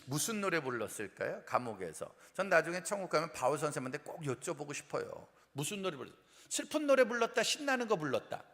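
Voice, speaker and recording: A man preaching a humorous revival sermon as a pastor, playful and animated, acting out the complaints of the people he talks about. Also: on the high side, fast. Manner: playful, animated, acts out quoted complaints and sings snippets. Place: church sanctuary. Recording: long hall reverb.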